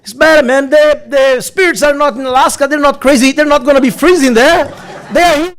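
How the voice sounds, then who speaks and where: A man's voice: very high-pitched, fairly bright tone, pitched above the performer's own voice. Man putting on a jokey chummy immigration officer. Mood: teasing. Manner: teasing, chummy, drawn-out. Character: jovial joking male airport immigration officer.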